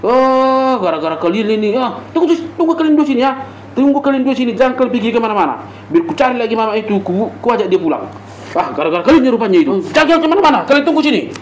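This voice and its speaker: An actor playing a hot-tempered father with a Batak accent, who scolds loudly and later turns meek and apologetic. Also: extremely high pitch, very animated, fast talker, slight background noise, poor audio. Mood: coaxing. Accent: Batak Indonesian. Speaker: father of the household. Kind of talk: amateur family drama acting.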